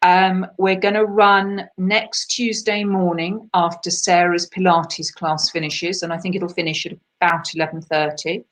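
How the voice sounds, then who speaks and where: A woman's voice: on the low side, little pitch movement, unhurried, few pauses, a bit bright. A woman hosting an online quiz over a video call, reading out the answers in a chatty, self-deprecating way and laughing at herself. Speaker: quiz host.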